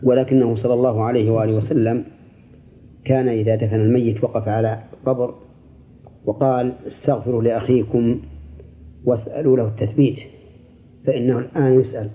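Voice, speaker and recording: An older man, an Islamic scholar, answering listener questions on a radio program in a measured, deliberate way. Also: mid-range voice, level tone. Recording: tinny, lo-fi radio broadcast.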